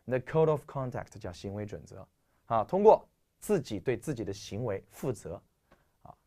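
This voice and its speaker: A man from China lecturing on English vocabulary, with a stuffy nose. His pitch swings widely as he talks, and he keeps posing rhetorical questions to the class. The delivery is animated. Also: normal speed. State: stuffy nose, clearing throat.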